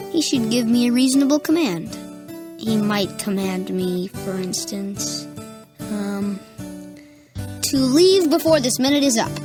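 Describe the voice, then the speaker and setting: An actress playing a polite, curious little boy prince in an audiobook drama. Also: a little high. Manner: polite, earnest. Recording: music playing behind.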